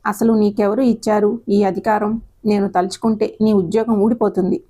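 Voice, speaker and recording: A woman voicing a proud, domineering middle-aged mother in an audio story, with a warm tone. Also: medium pitch, little pitch movement, moderate pace, close to an everyday voice. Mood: furious. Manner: commanding, domineering.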